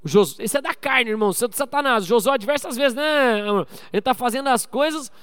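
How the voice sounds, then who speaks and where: A man preaching a sermon as pastor, calling on the congregation for amens and swinging between loud exhortation and quiet asides. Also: very high-pitched, a little fast, clean tone, big-room sound. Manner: preaching with call-and-response to the congregation.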